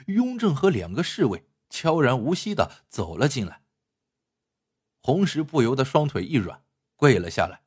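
A man telling a historical legend with dramatic, expressive narration. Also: medium pitch, breathy edge. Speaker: storyteller.

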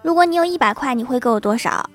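A woman's voice: sits high, expressive, quick pace, soft background music. Woman playing a coy, coaxing young wife. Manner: sweet, coaxing questions.

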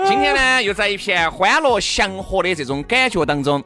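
A man with a Sichuan accent and a high, lively voice hosts a casual comedy talk show. He teases and jokes in dialect, swinging widely in pitch over clearly audible music. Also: normal speed. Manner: playful, teasing, jokey. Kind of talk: casual comic banter in dialect. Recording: music playing behind the voice.

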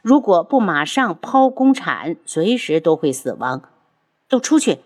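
Expressive woman narrating a novel. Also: on the low side, unhurried, dry recording, clean studio sound. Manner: expressive storytelling. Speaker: audiobook narrator. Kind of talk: scripted narration.

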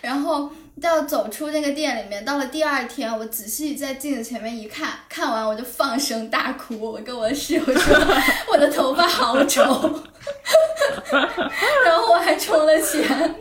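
A woman's voice: sits high, moderate pace, few pauses. A woman in her twenties, a guest, telling a self-mocking story with laughter. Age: 20s. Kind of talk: casual chat. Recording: echoey, noisy remote line.

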